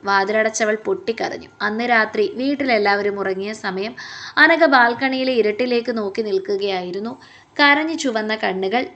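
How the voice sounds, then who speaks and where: A woman narrating a romance audiobook in a steady, expressive reading. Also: on the high side, dull audio. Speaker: storyteller. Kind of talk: scripted story narration.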